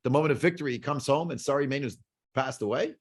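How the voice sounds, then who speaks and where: A man's voice: medium pitch, very fast. Man teaching a Bible class, rhetorical questions. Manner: digressive, many fillers and rhetorical questions. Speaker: Torah teacher.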